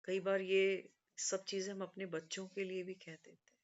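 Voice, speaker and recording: Speaking at normal speed in a mid-range voice with little pitch movement, a spiritual speaker delivers a devotional discourse. She narrates like a storyteller, often quoting teachings and throwing in conversational asides, heard through a muffled lo-fi recording.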